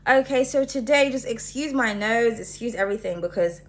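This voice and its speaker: Speaking at a normal pace with a fairly high pitch and lively intonation, a young woman rambles casually to camera on her own channel. Hay fever has her sniffling, and she keeps tacking "okay?" onto what she says.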